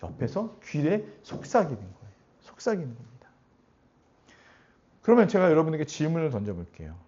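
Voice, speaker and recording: A man preaching a sermon as pastor, animated and often putting questions to his congregation. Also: fairly high pitch, brisk, a little hiss or hum. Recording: dull lo-fi recording.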